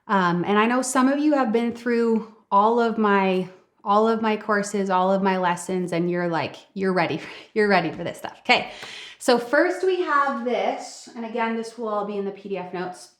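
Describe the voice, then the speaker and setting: A woman's voice: mid-range voice, moderate pace. A woman vocal coach giving an upbeat, encouraging singing lesson, talking straight to her students and singing short demonstration lines.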